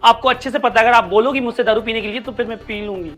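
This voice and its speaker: A woman's voice: fairly high pitch, over music, close to an everyday voice. A woman playing a sassy, scheming daughter-in-law. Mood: taunting. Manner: mocking, quick and cheeky.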